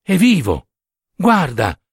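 A man voicing a young wife who is impulsive, full of pity and horror, pleading and shrill with upset. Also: big pitch swings, slow pace, no room sound, clean studio sound, heavily acted. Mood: horrified.

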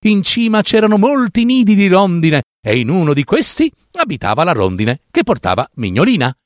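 A man reading a fairy tale aloud with a slow, sing-song, dramatic delivery on a close mic. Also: sits high, wildly swooping pitch, no room sound. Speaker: storyteller.

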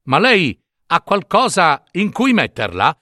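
A man voicing a haughty young princess who talks in a shrill, mocking, imperious way. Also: wildly swooping pitch, takes it slowly, sharp tone, no echo, studio quality, exaggerated voice. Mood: amused. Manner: shrill, scornful, dismissive.

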